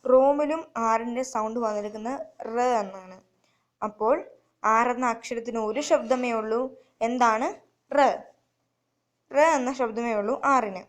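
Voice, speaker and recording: A young woman teaching children letter sounds, slowly and repetitively, asking questions and answering them herself. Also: fairly high pitch. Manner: slow, repetitive, asks and answers her own questions. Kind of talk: phonics lesson for children.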